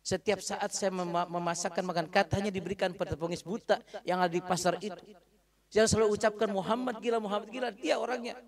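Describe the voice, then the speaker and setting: Aisyah, a distressed young wife, as a male preacher puts her on speaks slowly and plaintively through her tears. The voice rises only slightly above the preacher's own. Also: sits high, steady tone, a crowd in the background, pitched above the performer's own voice.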